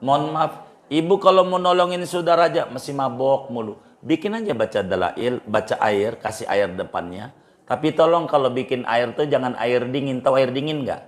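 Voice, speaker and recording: Man, middle-aged, cleric, casual religious advice, emphatic repetitions, average pitch. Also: normal speed. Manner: colloquial, repeats phrases for emphasis, lively pitch jumps. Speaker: Islamic cleric. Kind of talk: informal religious advice talk.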